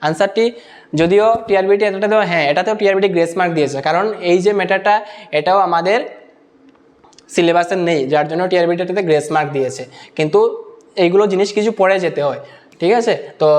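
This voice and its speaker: A man working through exam answers, reading each English question out slowly and then explaining it in Bengali mixed with English terms. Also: high voice. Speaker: exam-prep teacher.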